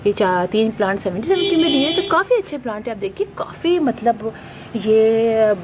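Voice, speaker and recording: A woman's voice: a little high, animated, fairly quick. A middle-aged woman, chatting casually and rambling with many fillers as she shows her new plants. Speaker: gardening vlogger. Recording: faint background noise.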